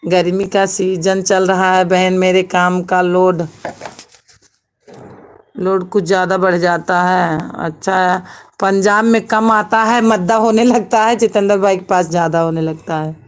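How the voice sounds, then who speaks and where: A woman's voice: on the low side, steady tone, unhurried. A woman hosting a casual live stream on her phone, greeting viewers by name and laughing often. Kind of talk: casual live-stream chat reading comments.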